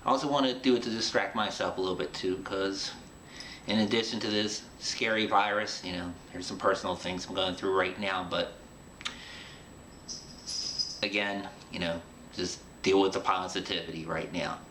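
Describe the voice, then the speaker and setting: In a roomy, echoing space with audible background noise, a male host introduces his podcast and chats informally with a guest. He has a deep, steady voice that sounds pushed and bright, and he talks fairly quickly.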